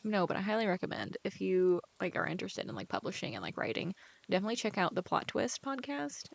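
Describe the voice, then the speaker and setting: In a dry recording, a medium-pitched woman sounds gravelly, very animated and quick. She's an author doing casual chat over a farming game, hopping between thoughts with plenty of "like" and sometimes falling almost to a whisper.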